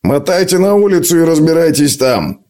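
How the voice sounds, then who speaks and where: A man's voice: on the high side, big pitch swings, moderate pace, mellow, voice pushed up. A man voicing a stern tavern barman who gives curt commands in an audiobook. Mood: brusque.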